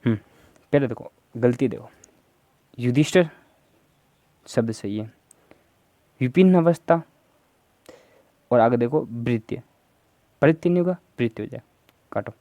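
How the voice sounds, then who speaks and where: A man's voice: medium pitch, measured pace, long pauses, warm tone, dry recording. A man teaching Hindi grammar for an exam, going through answer options step by step and prompting viewers to answer. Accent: Rajasthani. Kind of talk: exam prep lesson.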